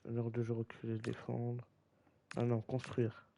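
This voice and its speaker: A young man who runs a football league live-streams a match, bantering in slang, teasing his audience and repeating "gros." Picked up by a desk microphone with a little hiss or hum, his mid-range voice is monotone, unhurried, creaky and mellow.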